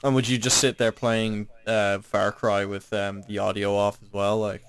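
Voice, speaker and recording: A man's voice: on the low side, flat delivery, moderate pace, clean tone. A man co-hosting a casual podcast, giving dry, hesitant retorts. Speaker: podcast co-host. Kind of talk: casual chat.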